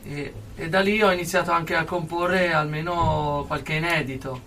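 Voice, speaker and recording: High, bright-voiced young man, earnest. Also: fairly even intonation, moderate pace, recorded from a distance, a little hiss or hum. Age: young adult. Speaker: interview guest, aspiring musician. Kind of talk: earnest spoken interview answers. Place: radio studio.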